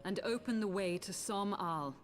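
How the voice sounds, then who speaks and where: An actress as an earnest noble envoy. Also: female voice, mid-range voice, normal speed, natural voice. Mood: pleading. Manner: formal, earnest, pleading diction. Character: earnest, noble young woman envoy pleading for peace. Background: game music.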